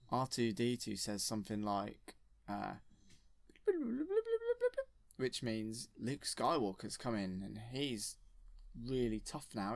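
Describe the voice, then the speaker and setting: Deadpan man retelling a film. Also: medium pitch, no room sound. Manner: deadpan, childlike plain wording with fillers. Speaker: comedic storyteller. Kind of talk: casual rambling retelling of a film.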